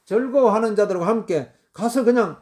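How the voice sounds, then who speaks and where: A man's voice: sits high, fairly quick, a little mellow. A man preaching a sermon in an emphatic, repetitive way, full of fillers and restarts.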